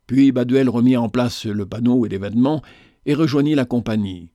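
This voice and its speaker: A man's voice: medium pitch, normal speed, mellow, no room sound, dull audio. Man reading a story aloud, dry sound. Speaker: narrator.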